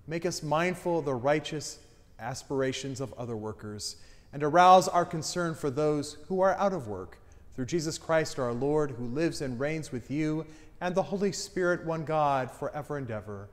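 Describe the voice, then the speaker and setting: A middle-aged priest at the altar, leading the liturgy in a solemn, declamatory way. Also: male voice, a little high, animated, moderate pace. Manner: solemn, declamatory, wide swings in loudness. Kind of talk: chanted and spoken liturgy. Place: church altar, indoors. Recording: long church reverb.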